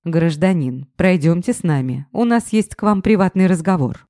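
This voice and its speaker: A woman's voice: lowish voice, animated, normal speed, mellow, no echo, clean studio sound, lightly acted. A woman voicing cheerful, burly uniformed men who speak in a formal, official way.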